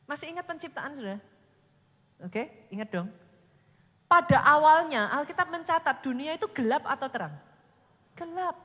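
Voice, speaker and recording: A woman pastor, preaching a dramatic sermon that swings from loud to whispered. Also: high voice. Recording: long hall reverb.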